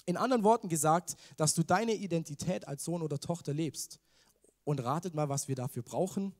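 A man's voice: a little high, a little fast, a little mellow. A man preaching a casual sermon. He talks in a chatty way, mixes in English slang and keeps asking the listeners questions. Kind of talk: informal youth sermon.

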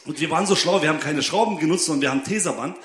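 A man's voice: a little high, very fast, heavy background noise. A young man preaching, telling a funny personal story and laughing often. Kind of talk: lively sermon with personal anecdote. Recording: echoey room.

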